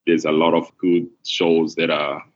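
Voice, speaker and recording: A man from Congo, a podcast guest, talking in a relaxed, unhurried way with many fillers. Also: a bass voice. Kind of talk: casual interview. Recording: dull lo-fi sound.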